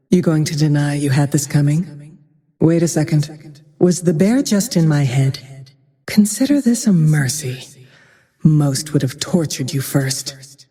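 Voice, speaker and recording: A woman voicing a cold, vengeful ranger huntress for a video game, with a hushed, breathy, deadpan and menacing delivery. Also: low-pitched. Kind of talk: video game hero voice lines. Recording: long reverb on studio voice.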